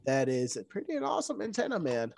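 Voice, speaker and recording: Nasal, congested man, slightly high voice. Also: huge pitch swings, fast talker, gravelly, a little mellow. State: stuffed up from allergies. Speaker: radio hobby streamer. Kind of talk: casual livestream chat.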